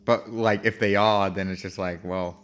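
A young man co-hosting and editing a casual podcast, dry and quick to laugh. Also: lowish voice, fairly even intonation, fairly bright tone. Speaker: podcast co-host and editor. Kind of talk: casual chat.

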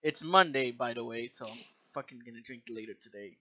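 A man in his twenties hosts a casual podcast conversation, swearing frequently and laughing between lines in an animated way. His voice is medium-pitched and a little fast, and the recording is dry.

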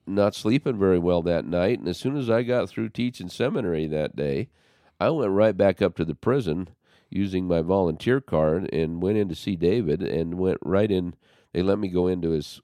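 A man's voice: deep voice, dry recording, clean studio sound. A man hosting a conversation, telling a personal story with animation and acting out what people said. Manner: animated storyteller, acts out quotes.

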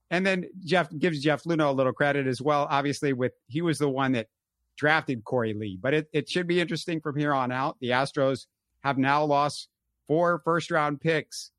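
A man hosting a casual sports talk show, animated and full of fillers. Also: medium pitch, no room sound. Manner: animated, talks in bursts with fillers. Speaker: podcast host.

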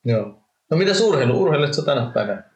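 A man's voice: medium pitch, big pitch swings. Interviewer: a man with a mid-range voice, casual and encouraging, recorded in an echoey room. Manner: brief, encouraging backchannels. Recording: roomy echo.

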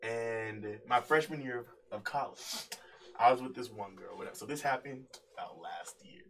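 A man's voice: mid-range voice, normal speed, a bit bright. A young man co-hosting a podcast, telling a story among friends in a casual, slangy way, laughing and acting out what others said. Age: young adult. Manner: slangy, laughing, acts out quotes. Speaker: podcast co-host. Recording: distant mic with background noise.

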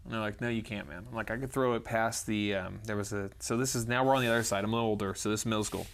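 A man's voice: fairly low pitch, very fast. A man co-hosting a podcast, telling stories in casual chat and acting out other people's lines with laughter. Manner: animated, acts out other people's lines in quoted voices. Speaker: podcast co-host.

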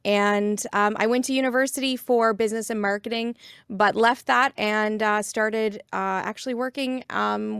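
A woman in her thirties talks in an upbeat, casual way as a podcast guest. Her mid-pitched voice has some gravelly fry, and the sound is close and dry. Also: no echo. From Newfoundland and Labrador, Canada. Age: 30s. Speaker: podcast guest, gaming streamer. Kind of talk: casual chat.

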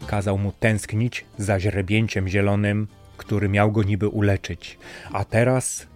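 A man's voice: fairly low pitch, darkish tone, lightly acted. A man voicing a sly old man from the sea. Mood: scheming. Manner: slow, sly, persuasive.

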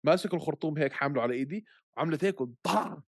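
A podcast co-host with a Levantine Arabic accent tells stories animatedly, mixing English words into his Arabic in casual chat. His voice is a little high, creaky and very fast, captured in a dry, clean studio recording.

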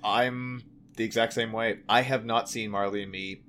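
A man's voice: on the low side, fairly even intonation, moderate pace, pushed and bright, a little hiss or hum. A married man co-hosting a podcast, talking earnestly and reflectively about films in a casual chat. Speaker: podcast co-host. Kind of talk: casual film discussion.

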